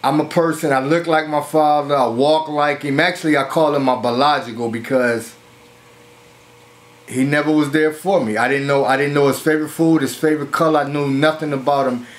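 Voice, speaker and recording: A middle-aged man, telling his own life story in a slow, earnest way. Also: a little high, fairly even intonation. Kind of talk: personal testimony.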